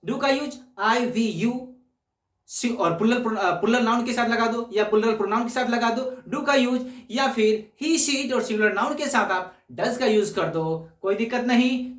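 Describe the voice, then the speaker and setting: A man's voice: extremely high pitch, distant mic. A man teaching a spoken grammar lesson, repeating each point and asking the viewers rhetorical questions. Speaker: English teacher. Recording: echoey room, voice away from mic.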